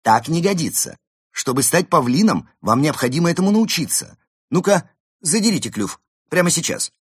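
A man voices a greedy, sunny panda who runs a junk shop in a storybook. The voice sits high and swings all over, grabbing at every sale with theatrical glee. A husky grain runs under the brightness, close and dry. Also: normal speed, no echo. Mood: coaxing, insistent. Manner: lively, wheedling, theatrical. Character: cheerful greedy male panda shopkeeper.

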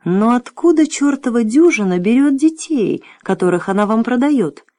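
A brave, polite young boy, as a woman reader puts him on, speaking firmly and calmly, voiced higher than the reader's own tone. The sound is close and dry. He is a storybook hero who never loses his manners. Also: normal speed, dry recording, lightly acted. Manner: calm, firm and polite. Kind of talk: audiobook character voice.

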